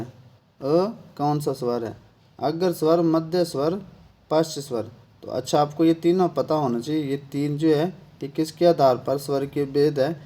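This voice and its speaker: A man's voice: a little high, warm tone. A man with a Himachali accent teaching an exam-prep grammar lesson, asking himself questions and checking in with "thik hai" after nearly every point. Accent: Himachali Hindi.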